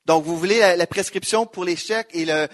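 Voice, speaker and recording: A man's voice: sits high, brisk. A man with a Quebec French accent preaching a sermon, emphatic, repeating key phrases and quoting scripture. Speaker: pastor.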